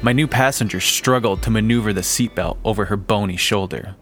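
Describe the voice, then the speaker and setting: A man narrating a first-person story in a slow, deliberate way. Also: lowish voice, a bit bright, faint music behind.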